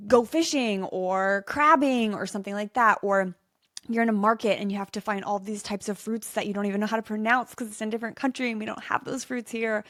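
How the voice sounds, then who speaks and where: A woman's voice: mid-range voice, a bit bright, dry recording. Bubbly woman podcaster, dry sound. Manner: bubbly, chatty and enthusiastic, with frequent asides. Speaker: podcast host. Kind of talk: solo podcast chat.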